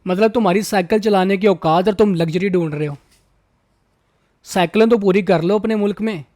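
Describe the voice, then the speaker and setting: A man's voice: high voice, brisk, a little mellow. A man hosting a roast video, mocking and insulting in a ranting tone. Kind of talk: roast commentary.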